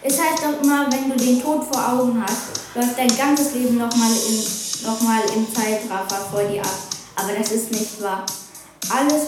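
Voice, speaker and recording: A woman presenting a book and then reading a chapter aloud in a steady manner. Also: fairly high pitch. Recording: echoey room from a distance, music behind.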